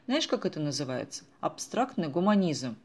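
A reader voicing a sharp-tongued teenage girl in a storybook who speaks in a sarcastic, indignant way. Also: mid-range voice, very animated, moderate pace.

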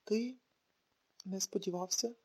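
A woman's voice: medium pitch, unhurried, warm tone, slightly rough. A woman reading an audiobook, voicing a bitter, wounded young woman who speaks with sarcasm. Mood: sarcastic.

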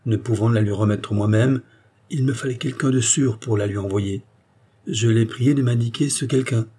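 A man's voice: mid-range voice, normal speed, mellow, slightly rough, lightly acted. A man reading the part of a self-assured aristocratic duke who speaks in a soothing, reassuring way.

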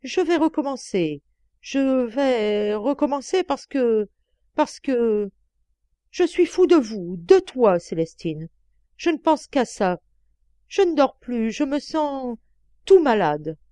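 A lecherous older master who stammers and pleads, as a woman reader voices him in a slow, measured audiobook read. The voice stays mellow and warm, recorded close and dry. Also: medium pitch, no room sound, close to an everyday voice. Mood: stammering passion.

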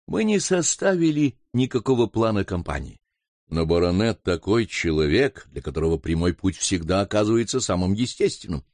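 A man reading an audiobook aloud with expressive narration. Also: sits low, moderate pace, dry recording. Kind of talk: scripted narration.

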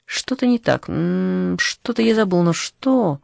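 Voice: mid-range voice, animated, moderate pace, darkish tone, dry recording, natural voice. A reader giving voice to a flustered young man from an audiobook, sheepish and playful. His mid-range voice sits dry and close, with no room around it. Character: flustered, evasive young man, devil's envoy.

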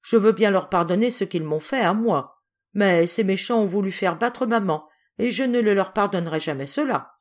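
A woman reading an audiobook who voices a stubborn, proud little boy in a shrill, defiant tone. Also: moderate pace, natural voice.

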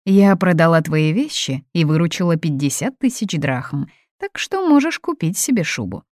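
A woman reading an audiobook, voicing a domineering, controlling middle-aged mother who talks loud and imperious. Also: on the low side, very animated, moderate pace, no room sound, clean studio sound.

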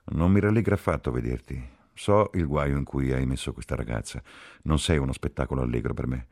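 A man's voice: extremely low pitch, fairly quick, creaky, a little mellow, no echo, studio quality, full character voice. A man voicing a distraught, reproachful woman nurse in an audiobook reading. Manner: reproachful, tearful outbursts.

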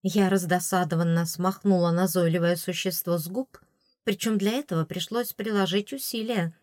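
A woman reading a fantasy story aloud in first person, steady and expressive. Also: fairly low pitch, moderate pace, dry recording, clean studio sound. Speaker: audiobook narrator. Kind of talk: scripted first-person narration.

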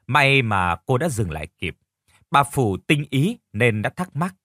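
A man narrating a dramatic story in an expressive reading voice. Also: medium pitch, a little slow, dry recording, studio quality. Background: faint music.

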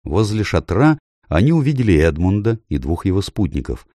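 Deep-voiced male audiobook narrator. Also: big pitch swings, moderate pace, warm tone, no room sound, clean studio sound. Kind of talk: scripted narration.

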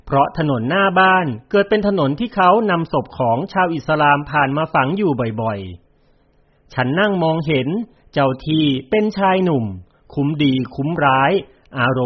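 A man reading a memoir aloud in a measured storytelling way. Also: fairly high pitch, very animated. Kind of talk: audiobook narration of a memoir. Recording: dull lo-fi recording.

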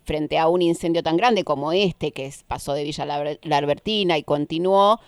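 An Argentine woman hosting a radio interview, speaking in a thoughtful, wry, measured way. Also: low voice, dry recording. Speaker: radio host.

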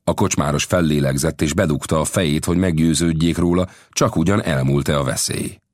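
Deep-voiced man reading an adventure novel. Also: no echo, clean studio sound. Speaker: audiobook reader. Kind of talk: scripted narration.

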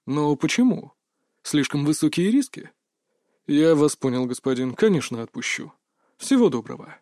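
A man voicing a calm, mocking male kidnapper boss who talks with quiet menace. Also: a little high, moderate pace, no echo, studio quality, lightly acted. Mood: deferential.

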